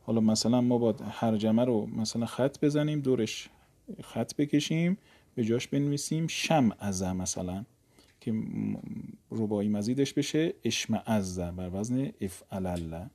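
A man whose first language is Persian, teaching an Arabic grammar lesson. He drills verb forms slowly, then explains them in casual speech. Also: lowish voice, mellow. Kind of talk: recorded lesson, reciting verb conjugations.

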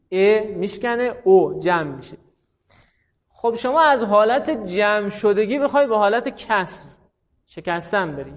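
A man with a high voice lectures a class in a patient, stepwise way and keeps putting questions to his listeners. His voice trails off into a long reverb. The recording is dull and muffled. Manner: explains step by step with rhetorical questions to students. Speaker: teacher.

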